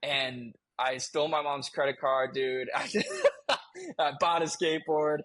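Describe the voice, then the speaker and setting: A man's voice: mid-range voice, steady tone, measured pace, a bit bright, no room sound. A man in his twenties, a podcast guest, telling a personal story in casual chat, candid and swearing freely as he restarts his sentences.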